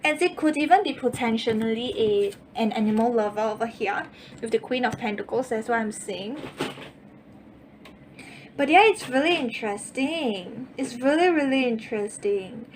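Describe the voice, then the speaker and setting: A woman's voice: a little high, animated, normal speed, slight background noise. A young woman giving a casual tarot reading, chatty and repetitive, with many fillers. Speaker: tarot reader.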